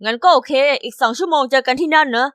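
A woman voicing a friendly, evasive teenage boy who speaks gently and keeps apologizing. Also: sits high, fast, no echo, clean studio sound. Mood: gentle.

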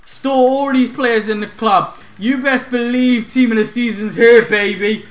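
Pitched very high yet steady in tone and unhurried, a young gaming YouTuber narrates opening game packs. He's hyped, shouting and laughing through slangy banter. The setting is a small indoor home room with faint background music.

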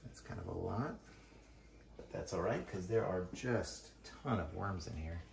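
A man's voice: low-pitched, animated, normal speed, vocal fry, echoey room, a little hiss or hum. A man hosting a hobby video, casually explaining what he finds while digging through a worm bin with his hands. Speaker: worm farming channel host.

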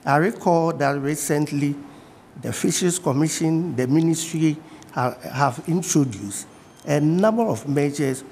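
Ghanaian man with a fairly high voice. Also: animated, a little mellow, big-room sound, slight background noise. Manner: measured, repeats key points. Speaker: fishing industry guest. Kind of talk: TV studio interview. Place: TV studio.

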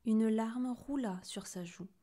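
A woman's voice: fairly high pitch, takes it slowly, dark tone. A woman reading a children's picture book aloud, narrating expressively and doing the voices. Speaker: storybook reader.

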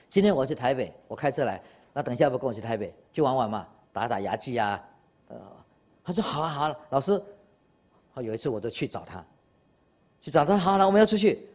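Lively older man telling a lecture story. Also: mid-range voice, breathy edge. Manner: storytelling with animated quoted dialogue and laughter. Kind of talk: public science lecture. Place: lecture hall.

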